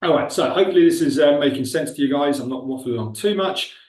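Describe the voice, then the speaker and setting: This Milton Keynes man, a recruitment trainer, talks fast in a slightly high, darkish voice during a casual screen-share tutorial. He's chatty, interrupts himself and thinks aloud while clicking. The sound is echoey and off-mic, with the roomy feel of someone away from the microphone.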